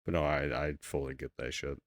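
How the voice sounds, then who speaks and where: A man's voice: a bass voice, level tone, a little fast, dry recording, clean studio sound. A man co-hosting a podcast in loose, casual chat, swearing freely and rambling. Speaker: podcast co-host.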